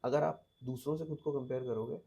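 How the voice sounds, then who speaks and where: A man's voice: mid-range voice, fairly even intonation, brisk, vocal fry, warm tone, slightly rough, muffled recording. A man, a teacher giving earnest advice as a podcast guest and mixing English phrases into his Hindi.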